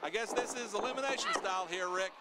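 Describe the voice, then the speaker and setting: A man's voice: sits high, fast talker. A man calling live wrestling action as play-by-play commentator in a noisy venue.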